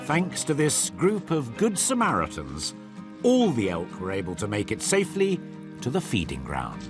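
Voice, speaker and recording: A man's voice: mid-range voice, huge pitch swings, normal speed. A man reading scripted nature documentary narration with dramatic storytelling. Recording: loud music bed under voice. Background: music.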